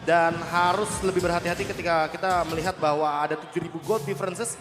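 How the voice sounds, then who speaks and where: A man's voice: high voice, steady tone, fast talker. A man giving analytical live commentary on an esports match. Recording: echoey sound, loud music behind.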